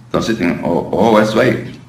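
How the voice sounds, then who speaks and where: A man's voice: on the low side, moderate pace. Man preaching in a roomy hall. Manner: conversational, often calls listeners brother, with many restarts. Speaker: deliverance minister teaching. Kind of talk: informal preaching lesson. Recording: roomy sound from a distant mic with faint noise.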